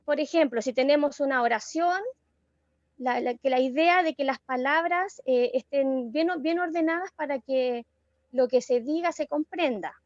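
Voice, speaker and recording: A woman presents to her class over a video call, explaining terms step by step with the odd hesitant pause. Her voice sits high and sounds dry and close. The call audio is somewhat muffled. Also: no room sound. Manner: explanatory, measured, with hesitant fillers.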